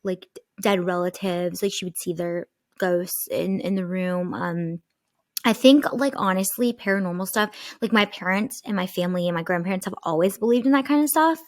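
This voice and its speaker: A woman's voice: fairly low pitch, normal speed, no echo, clean studio sound. Chatty young woman telling a story. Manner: animated storytelling, lots of "like" fillers. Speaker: podcast co-host. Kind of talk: casual chat, storytelling.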